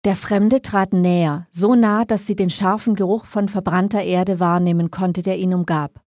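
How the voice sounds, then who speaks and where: A woman reading a scripted dark fantasy story as narrator, in a measured, suspenseful way. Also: on the low side, fairly even intonation, no echo, clean studio sound.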